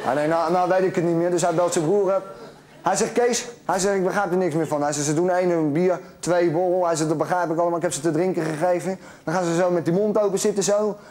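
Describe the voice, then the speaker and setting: Guy rattling off a café joke fast, laughing along. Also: sits high, steady tone, darkish tone, slight background noise. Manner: rapid, laughing while telling. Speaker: joke teller. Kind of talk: telling a joke.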